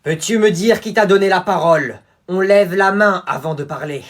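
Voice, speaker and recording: A man voicing a stern male teacher who lectures slowly and deliberately. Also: high voice, voice pushed up, natural voice.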